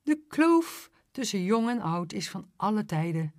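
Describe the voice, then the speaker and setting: A woman voicing a formal, pompous old gentleman giving a welcome speech in a children's storybook reading. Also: medium pitch, sing-song, a little slow, no echo, clean studio sound. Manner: stately, formal.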